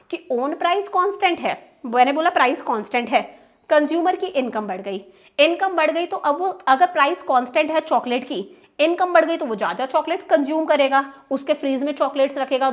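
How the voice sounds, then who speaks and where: A young woman with an Indian accent, her voice sitting high. She teaches an exam-prep lesson, drawing out the important terms slowly and often pausing to ask whether the class has followed. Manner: explains step by step, checks understanding with repeated questions; slows down and stresses English key terms.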